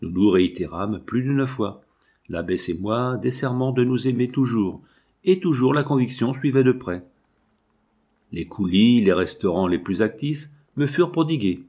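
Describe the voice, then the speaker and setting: A man reading an eighteenth-century libertine novel aloud, with expressive swings between exclamations and hushed asides. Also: mid-range voice, normal speed. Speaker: audiobook reader. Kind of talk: dramatic literary reading.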